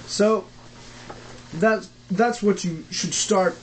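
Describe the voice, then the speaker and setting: A young man who is not a native English speaker, teaching vocal techniques in a casual home tutorial, halting with many fillers and restarts. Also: sits high, a little hiss or hum, poor audio.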